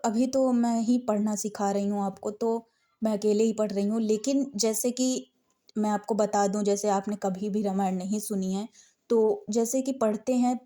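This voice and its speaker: A woman teaching scripture recitation, patiently breaking verses into slow, word-by-word chanting. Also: mid-range voice, warm tone.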